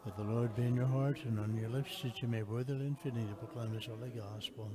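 A priest chanting and then preaching a homily in a relaxed way with fillers, his voice ringing with a long church reverb. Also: mid-range voice, fast talker, a crowd in the background. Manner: conversational preaching with frequent fillers. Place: large church.

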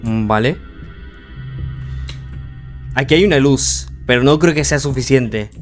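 A jumpy young man talks through a horror game. His voice sits at an ordinary middle pitch. He yelps in panic and mutters to himself over faint game music in the background. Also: measured pace. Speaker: gameplay streamer. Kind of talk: horror gameplay commentary.

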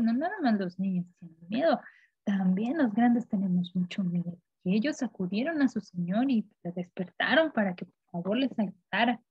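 A woman's voice: fairly high pitch, slightly rough, no echo, lo-fi sound. A woman teaching a children's Bible lesson, telling the story with animation and asking the children questions. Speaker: Sunday school teacher.

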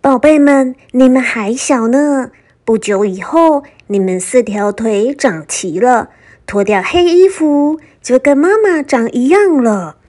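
A woman voicing a warm, loving mother frog in a storybook, who speaks tenderly with a chuckle. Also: sits high, expressive, slow, full character voice.

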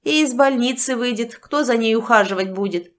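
A woman voicing a grumpy adult brother who talks to his sister in a gruff, accusing, blunt way. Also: on the high side, a little fast, a bit bright, pitched above the performer's own voice, lightly acted. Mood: reproachful.

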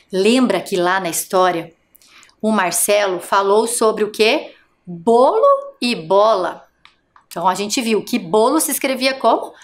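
A woman teaching a televised first-grade lesson, speaking slowly and patiently and sounding out letters and syllables for young children. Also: medium pitch.

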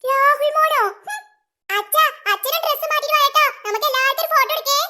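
A voice actor voicing a bubbly, eager little girl in an animated cartoon. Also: very high-pitched, fast, heavily acted. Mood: excited. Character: excited little cartoon girl celebrating her birthday.

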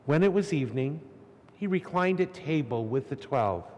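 Priest reading the gospel, formal and steady, big cathedral echo on his voice. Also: fairly high pitch, normal speed. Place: large church. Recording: long cathedral reverb.

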